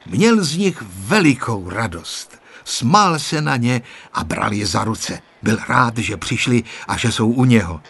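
A man reads a children's story aloud, his voice rising and falling with lively intonation. His tone is husky and a little breathy. He reads expressively, with a mid pitch. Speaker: narrator.

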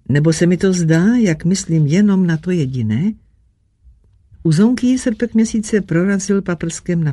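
An audiobook narrator reads a literary novel in a calm, measured voice. The tone is husky and a little breathy, recorded close and dry. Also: mid-range voice, no echo.

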